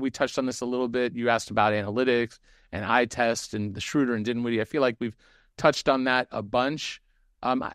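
A man's voice: mid-range voice, dry recording, clean studio sound. A man co-hosting a webinar, reading out audience questions and chatting loosely, with lots of fillers and restarts. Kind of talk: casual webinar chat.

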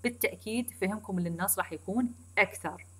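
A woman with an Iraqi Arabic accent giving a recorded English lesson, switching between Arabic and slow, deliberate English and repeating key points to her students. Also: mid-range voice, husky. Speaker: English teacher. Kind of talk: recorded online lecture.

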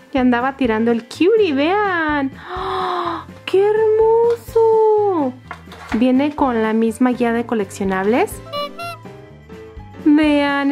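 A woman's voice: a little high, a little mellow. A woman presenting a toy unboxing to young viewers, enthusiastic and full of exclamations. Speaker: toy channel host. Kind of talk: toy unboxing narration for children. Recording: music behind the voice. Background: music.

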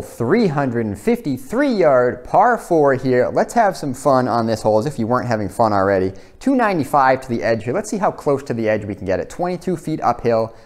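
Casting: young adult man, mid-pitched voice, informal self-narrated golf commentary. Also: a little mellow. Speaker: host of a simulator golf series.

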